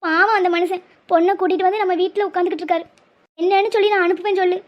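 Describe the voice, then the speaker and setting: In muffled, lo-fi audio, a woman voices a cartoon mother, middle-aged, stubborn and emotional, who pleads and guilt-trips melodramatically. Her very high voice races along very fast with fairly even intonation.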